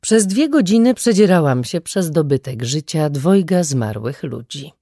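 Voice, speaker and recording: A woman narrating a first-person audiobook in a measured, even storytelling manner, close to the microphone. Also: low voice, dry recording.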